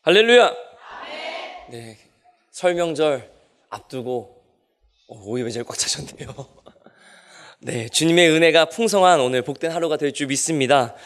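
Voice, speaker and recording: A man, a pastor, preaching a sermon in an animated way and joking with the congregation. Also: fairly high pitch, moderate pace, long pauses.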